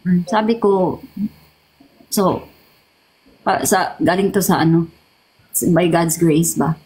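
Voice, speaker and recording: A middle-aged woman from the Philippines giving an emotional personal testimony as an interview guest, pausing, repeating and restarting her words. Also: on the low side, a little mellow, low-quality recording. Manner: halting, repeats and restarts words, mixes Tagalog and English.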